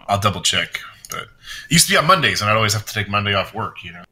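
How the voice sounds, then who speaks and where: Quick jokey guy chatting games, bright sharp voice, mic crackles and drops out like a loose cable. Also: fairly low pitch, big pitch swings. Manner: quick, joking, laughs often. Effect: crackly mic that keeps cutting out. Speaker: podcast co-host. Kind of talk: casual gaming chat. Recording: crackly dropping mic with faint hiss.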